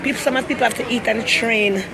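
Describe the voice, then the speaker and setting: A Jamaican woman with a Jamaican accent hosts a rambling, chatty live stream from a busy city station area, greeting viewers by name. She talks fast in a fairly high, fairly even voice, and the poor audio is filled with crowd noise plus loud street and traffic sounds.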